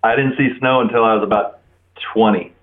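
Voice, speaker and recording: A man's voice: fairly low pitch, fairly even intonation, a little fast. A man in his forties from Florida, talking casually as a guest on a telephone line. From Florida, United States. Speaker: interview guest. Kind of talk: casual chat. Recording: narrow-band telephone line.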